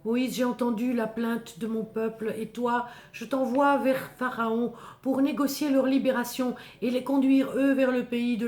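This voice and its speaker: A woman's voice: fairly high pitch, darkish tone, natural voice. A woman voicing a solemn, commanding God in dramatic biblical storytelling, declaiming with authority. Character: God speaking from burning bush, solemn, commanding, divine. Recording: echoing, reverberant voice recording.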